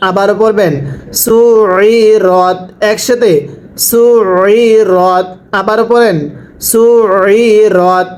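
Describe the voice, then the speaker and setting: Slow, drawn-out man teaching recitation. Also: sits high, steady tone, poor audio. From Bangladesh. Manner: spells out letters and vowel marks, then drawls the joined word very slowly. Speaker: Quran reading teacher. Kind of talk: slow call-and-repeat recitation lesson.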